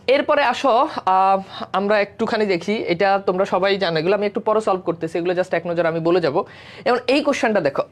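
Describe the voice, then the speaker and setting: A man teaching a live online exam-prep class. He works through the answers step by step and keeps checking in with his students. He slips English words into his explanations. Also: high voice. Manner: mixes English words into speech.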